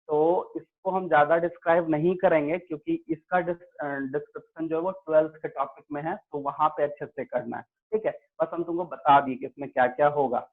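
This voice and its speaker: Guy teaching biology online, mix, kinda high voice, sounds like a phone line, keeps asking the class questions. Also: fairly even intonation, a little fast, hardly any pauses. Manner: explains in Hindi-English mix, quizzes students, repeats "ठीक है".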